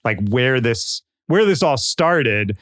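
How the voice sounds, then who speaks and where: A man's voice: mid-range voice, very animated, slow pace, fairly bright tone, dry recording, clean studio sound. A man hosting a casual interview podcast, enthusiastic and chatty, asking long rambling questions. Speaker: podcast host.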